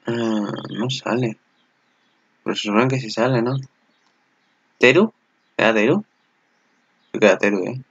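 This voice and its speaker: A man giving casual commentary on an anime preview. He gets excited, laughs often and swears freely. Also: on the low side, moderate pace, creaky, pauses often, slightly rough, highs cut off. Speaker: anime channel host.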